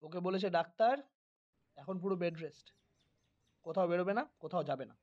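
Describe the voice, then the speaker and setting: A woman's voice: on the low side, fairly quick, darkish tone, highs cut off, lightly acted. A woman playing a worried mother explaining her daughter's care.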